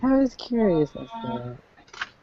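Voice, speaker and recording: A woman's voice: deep voice, big pitch swings, measured pace, slightly rough, highs cut off, soft background music. A woman co-hosting a casual fan recap chat, laughing often as she talks. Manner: giggly, frequent laughter. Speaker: podcast co-host.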